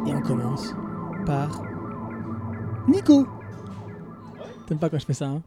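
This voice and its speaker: High-voiced joking podcast host. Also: male voice, big pitch swings, takes it slowly, over music. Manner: joking, with many hesitant fillers. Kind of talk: casual podcast chat. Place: live in a café.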